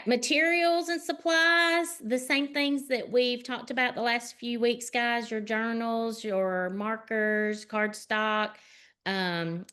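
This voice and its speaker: A woman's voice: fairly high pitch, a bit bright. A woman teacher hosting an online class, giving informal announcements and instructions to pupils.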